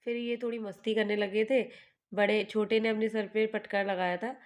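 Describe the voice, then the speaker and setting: Chatty mom vlogger from Uttarakhand. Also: female voice, medium pitch, level tone, moderate pace. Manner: chatty, homely storytelling that speaks to viewers as "guys". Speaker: family vlogger and mother. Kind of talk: casual vlog narration.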